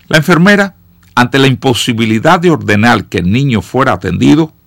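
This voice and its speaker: A man hosting a radio program, reading reflective stories in a slow, measured way with dramatic pauses and falling line endings. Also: fairly low pitch, gravelly, a bit bright, no echo, clean studio sound. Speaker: radio host.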